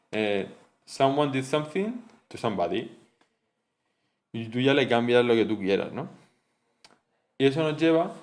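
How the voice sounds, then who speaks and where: Chatty young man explaining lessons. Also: mid-range voice. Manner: chatty, rambling, with frequent fillers and "¿no?" checks. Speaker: student explaining course material. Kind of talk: casual spoken study lesson.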